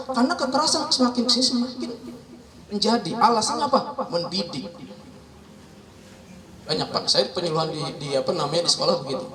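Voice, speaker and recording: A high-voiced man explains the law to a room of residents in a chatty way, acting out the things people say. He is recorded from a distance in an echoey room. The murmur of the crowd is heard behind him. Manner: chatty, keeps addressing the audience as "Pak"; acts out quoted speech and often laughs. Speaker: legal counselor. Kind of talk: community legal outreach talk. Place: neighborhood meeting with residents.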